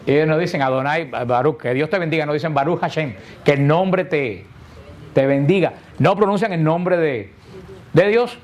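A man's voice: on the high side, normal speed, a little mellow. A man, a priest, explaining in a sermon and asking and answering his own questions.

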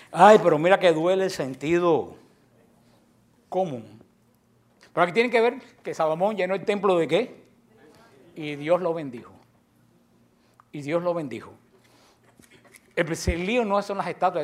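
Male preacher, high pitch; emphatic, sarcastic, rhetorical questions to the congregation. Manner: emphatic, mocking, asks the audience questions. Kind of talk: sermon.

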